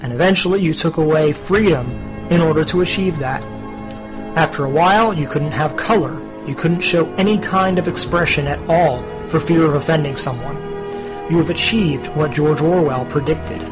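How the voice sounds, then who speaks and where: A man's voice: on the high side, normal speed, close to an everyday voice. A man voicing a stern male spirit who lectures sarcastically, in a comedic parody radio play. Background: music.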